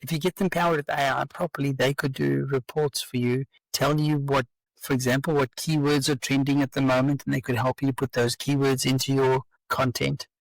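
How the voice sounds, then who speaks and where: Gravelly man, eager business pitch. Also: level tone, a little fast, no echo, rough recording. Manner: enthusiastic, explanatory, persuasive. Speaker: business coach guest. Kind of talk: casual conversational interview.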